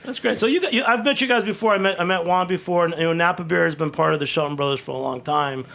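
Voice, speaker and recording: A man hosting a casual radio chat, talking quickly and eagerly. His voice has a gravelly edge and sits a little high for a man. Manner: fast, excitable, chatty. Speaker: radio show host.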